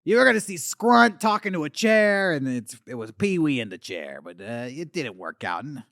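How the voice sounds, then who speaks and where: A man's voice: a little high, big pitch swings, normal speed, gravelly, a bit bright, no room sound, clean studio sound, exaggerated voice. A man voicing a washed-up male alien star from the eighties who rambles and slurs, swinging between boasting and muttering, in a comedic monologue. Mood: maudlin. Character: washed-up male 80s alien puppet star, boozy and bitter. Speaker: talk show host character.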